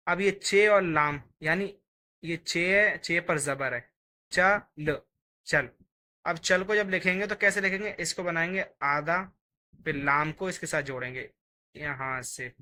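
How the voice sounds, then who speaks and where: Slow, bright-voiced Urdu teacher. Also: mid-range voice. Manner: slow, patient, repeats letters aloud while writing. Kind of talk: step-by-step writing lesson.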